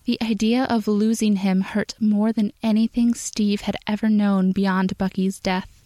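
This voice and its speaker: A woman's voice: medium pitch, little pitch movement, a little slow, mellow, no echo. Woman reading a story aloud. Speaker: podfic reader. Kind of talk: scripted narration.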